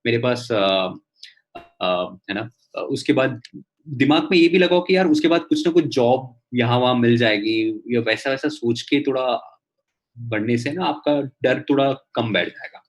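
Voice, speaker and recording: A man's voice: medium pitch, unhurried. A man talking casually as a guest entrepreneur on a video call, with many fillers and restarts.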